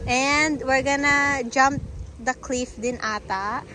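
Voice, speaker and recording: A woman's voice: high voice, takes it slowly. A woman with a Filipino accent chatting casually as a vlog host in playful conyo Taglish, mixing English into Tagalog. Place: outdoors at a beach. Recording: noisy outdoor recording, vehicle sounds.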